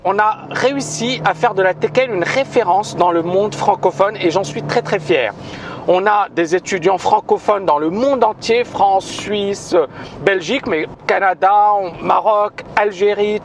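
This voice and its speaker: The founder of a trading school makes an emphatic video announcement to viewers, repeating himself and hesitating often. His voice sits high, and there's a little hiss or hum.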